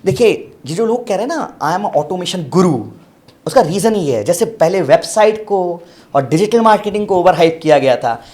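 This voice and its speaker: On a business podcast, a male guest offers emphatic, instructive advice in a casual interview, repeating his points as lists. His voice sits high with a darkish tone, and he sounds animated and a little fast.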